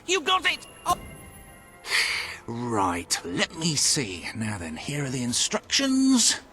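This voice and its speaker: A man's voice: mid-range voice, wildly swooping pitch, slow pace, sharp tone, faint music behind, exaggerated voice. An actor voicing a giddy, eccentric male gargoyle enthusiast in a video game, talking in a gushing, theatrical way. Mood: fussy. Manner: gushing, theatrical, jumps from glee to fussy murmurs.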